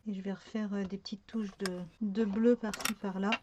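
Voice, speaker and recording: A woman's voice: medium pitch, level tone, moderate pace, mellow, dull audio, slight background noise. A woman talking through a card-making tutorial in a casual, hesitant way, with many fillers and self-corrections.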